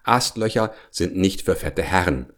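In a children's storybook reading, a man voices a plump, sly older male bear, speaking low, animated, a little slow and a bit bright. The bear starts out coaxing and later turns sulky and spiteful.

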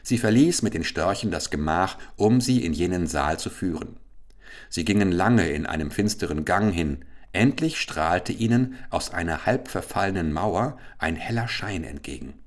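A man reads a fairy tale aloud for children in a rather low voice. He tells it in a measured, expressive way, as scripted storybook narration.

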